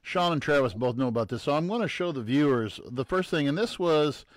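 A man's voice: fairly high pitch, lively intonation, brisk, dry recording. Male co-host, casual conversational delivery, dry recording. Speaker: podcast co-host. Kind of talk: casual talk show chat.

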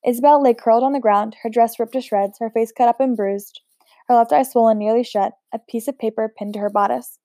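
A woman reads a novel aloud in a mellow, fairly high voice, steady and unpolished, now and then stumbling and restarting a word. The recording is dry and close, with no room sound. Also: fairly quick, no echo. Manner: steady, unpolished reading with occasional slips and restarts. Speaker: audiobook reader.

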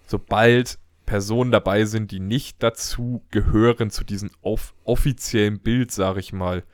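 Chatty low-voiced man, dry sound. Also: steady tone, a little slow, a little mellow, no echo. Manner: rambling, chatty, jokes. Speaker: podcast host. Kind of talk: casual chat.

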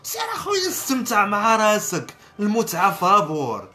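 A man's voice: sits high, huge pitch swings, fairly quick, sharp tone. A man with a Moroccan Arabic accent hosting a podcast, ranting in a sarcastic, mocking comedic way. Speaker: podcast host. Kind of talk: comedic rant commentary.

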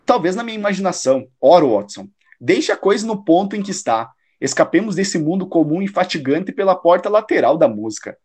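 A man with a high, very animated voice, darkish in tone and slightly rough, gives a heavily acted performance as a radio-drama detective. Shrewd and self-assured, he comes across as patronizing and analytical, probing and measured with a slightly condescending edge.

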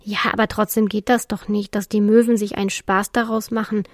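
A woman's voice: mid-range voice, level tone, brisk, dry recording, natural voice. A supportive, earnest female creature from a children's storybook, voiced by a woman reading aloud. The sound is dry and intimate.

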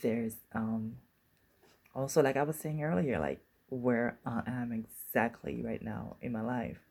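A woman in her forties talks through a casual solo podcast, thinking aloud and circling back on her points. Her voice is dark and husky with a gravelly edge, and she takes her time. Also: a bass voice, steady tone, unhurried. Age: 40s. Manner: musing, circling back and restarting thoughts. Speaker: podcast host.

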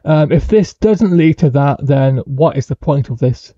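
A man's voice: fairly high pitch, animated, measured pace, dark tone, no room sound, dull audio. A male guest co-host giving rambling opinions on wrestling storylines, with frequent hesitations. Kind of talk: casual wrestling review podcast.

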